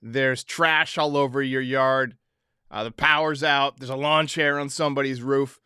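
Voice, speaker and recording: Man, sports podcast host, forceful bright voice, dry close sound, opinionated casual commentary. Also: medium pitch, steady tone, normal speed, clean tone, dry recording.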